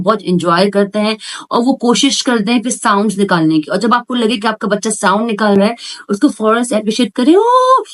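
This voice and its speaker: Woman explaining speech therapy tips. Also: mid-range voice. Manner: explains step by step in Hindi, mixing in English words; clear, teacherly, repeats key points. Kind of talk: parenting tips explained with toy demonstrations.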